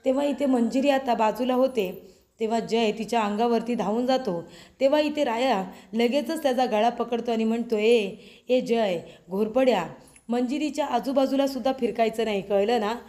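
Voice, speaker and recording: A woman's voice: fairly high pitch, fairly quick, dark tone. A woman narrating a TV serial episode recap in a voice-over, retelling the dialogue with emphatic, scolding delivery. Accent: Marathi. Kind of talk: voice-over recap, reading characters' lines.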